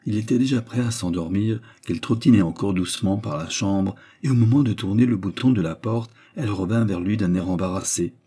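A man narrating a classic novel as an audiobook in a measured, even way. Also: fairly low pitch, slightly rough.

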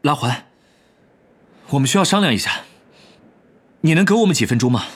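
A man's voice: a little high, expressive, fairly quick, husky, pitched above the performer's own voice. A man voicing Harry, an earnest teen wizard. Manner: earnest, hesitant. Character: tense, determined teenage wizard.

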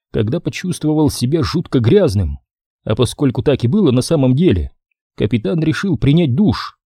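Mellow-voiced man narrating an audiobook. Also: medium pitch, slightly rough, no room sound, clean studio sound. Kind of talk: scripted narration.

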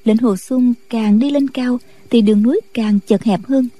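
A woman narrating a martial-arts novel in a steady storytelling voice. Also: fairly high pitch, moderate pace. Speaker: audiobook narrator.

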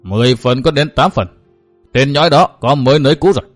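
A man voicing a stubborn, boastful old martial-arts master who talks loud and blunt. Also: mid-range voice, fast, soft background music, lightly acted. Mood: gruff. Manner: loud, gruff and brusque.

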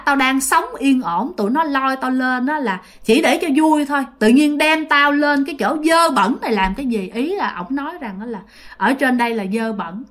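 A woman's voice: on the high side, fairly bright tone. A woman, hosting a channel and telling a ghost story in a chatty, casual way, often addressing her listeners. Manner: chatty, addresses listeners directly, many fillers.

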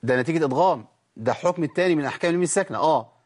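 A man's voice: a little high, animated, a little mellow. A man with an Egyptian Arabic accent teaching Quran recitation rules, explaining in a conversational way and asking himself questions before answering them. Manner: explains, then demonstrates recitation with slow drawn-out examples. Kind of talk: Quran tajweed lesson.

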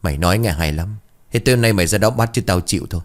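A man voicing a grumpy old male village sorcerer who scolds gruffly in a spoken ghost story. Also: sits low, very fast, lightly acted.

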